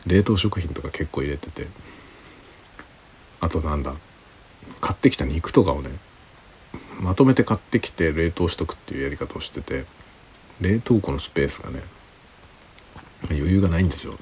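Tipsy male streamer, very low pitch, lively intonation, quiet rambling late-night chat. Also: normal speed, pauses often, a little hiss or hum. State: drinking alcohol, tipsy. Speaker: livestream host.

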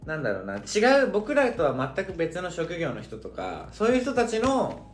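A man's voice: high voice, wildly swooping pitch, normal speed, echoey room, faint music behind. A man co-hosting a casual drinking podcast, chatting and laughing with friends. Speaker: podcast co-host. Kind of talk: casual chat while drinking.

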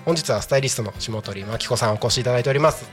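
A man's voice: medium pitch, very fast, soft background music. A man hosting a live community radio show in polite, apologetic announcer patter. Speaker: radio host.

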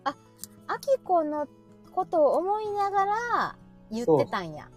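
A woman from Osaka with a Kansai accent, co-hosting a casual talk show and chatting in an animated way with frequent laughter. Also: very high-pitched, a little slow, soft background music. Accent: Kansai Japanese. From Osaka, Japan. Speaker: co-host of a live audio talk show. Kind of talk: casual chat.

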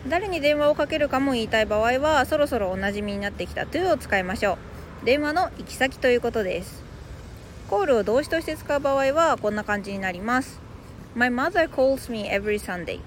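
In a voice a little on the high side, animated and brisk, a native Japanese-speaking woman teaches English phrases on her podcast. She explains conversationally and speaks right to her listeners, with slight background noise.

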